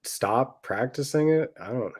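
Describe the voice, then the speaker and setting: A man's voice: mid-range voice, animated, measured pace, a little mellow. A man co-hosting a podcast in casual chat, laid-back and often calling his friend "dude" and "man". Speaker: podcast co-host.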